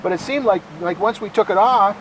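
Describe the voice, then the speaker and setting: Calm, higher-pitched male museum guide. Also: a little fast, a little hiss or hum, poor audio. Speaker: bird sanctuary museum guide and bird bander. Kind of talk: informal guided tour, explaining.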